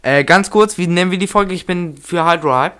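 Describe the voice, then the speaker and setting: Slightly high, clear-voiced young man. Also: a little fast, a bit bright. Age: young adult. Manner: slangy, with English interjections. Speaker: podcast co-host. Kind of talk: casual chat.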